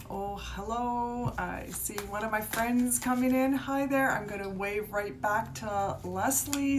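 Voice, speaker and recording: A woman gives a casual, encouraging live tarot reading, chatting informally with viewers in a meandering way. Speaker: tarot reader and reiki healer hosting a live stream. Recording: live stream with clear rumbling noise.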